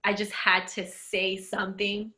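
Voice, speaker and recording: A woman from El Salvador talking casually with a friend on a podcast, animated and laughing often. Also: mid-range voice, measured pace. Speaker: podcast co-host. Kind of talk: casual conversation.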